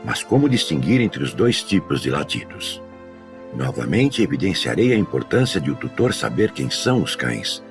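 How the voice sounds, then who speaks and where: A man working as a dog trainer, giving a measured, scripted educational narration. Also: rumbling low, big pitch swings, music in the background. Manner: measured, explanatory delivery.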